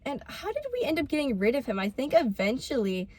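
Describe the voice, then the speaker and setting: A woman's voice: high voice, expressive, fast, a little mellow, breathy edge, no echo. A young woman telling a story in casual vlog chat, full of fillers. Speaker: vlogger.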